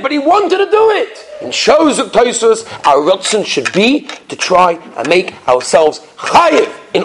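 A man with a Yiddish-influenced American accent teaching a religious class as a rabbi, in a sing-song questioning manner with emphatic repetition. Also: high voice. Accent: Yiddish-influenced American English. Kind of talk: animated religious lesson with rhetorical questions.

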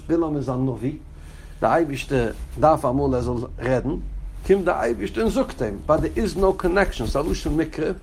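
A rabbi with a slightly high, somewhat mellow voice and a breathy edge teaches a Torah class. He talks straight to his students, calling them by name, and chants quoted texts in a raised, sing-song tone.

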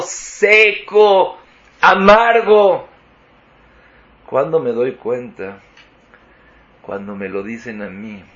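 A man teaching a Torah class in a study hall, animated and full of rhetorical questions. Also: on the low side. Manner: animated, asks rhetorical questions, acts out dialogues. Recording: dull lo-fi recording.

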